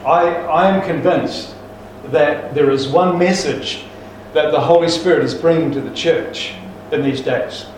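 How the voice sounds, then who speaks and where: A man's voice: on the high side, a little slow, few pauses, slight background noise. A man preacher delivering a sermon with jokes, folksy and emphatic, with restarts. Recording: echoey church hall from far off.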